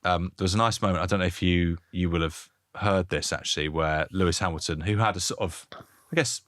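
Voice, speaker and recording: A man with a very low voice, co-hosting a relaxed podcast chat. He talks in an easygoing way with short agreeing replies, recorded dry and close. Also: fairly quick, no echo. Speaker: podcast co-host. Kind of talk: casual chat.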